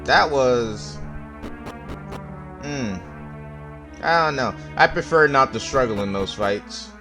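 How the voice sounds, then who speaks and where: Speaking slowly in an animated, mid-range voice, a man narrates his gameplay with casual jokes. He playfully mocks himself, faint game music in the background.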